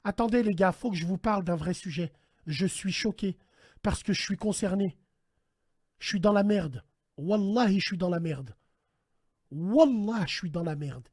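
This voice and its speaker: A man hosting a casual call-in stream, animated and slangy, swinging between hushed dread and loud outbursts. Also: high-pitched, normal speed, pauses often, husky. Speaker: host. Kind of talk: casual livestream radio chat.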